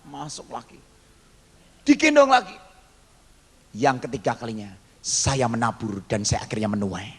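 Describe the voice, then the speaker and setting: A man's voice: medium pitch, normal speed, husky. A male pastor preaching a storytelling sermon, acting out the voices in his stories and joking with the congregation. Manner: dramatic, acts out quoted voices, jokes with the congregation. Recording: long hall reverb, faint background noise.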